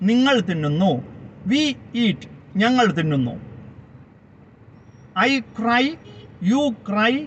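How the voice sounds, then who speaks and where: A man's voice: sits high, fairly bright tone. A man teaching English grammar, spelling out words letter by letter. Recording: dull lo-fi sound with faint background noise.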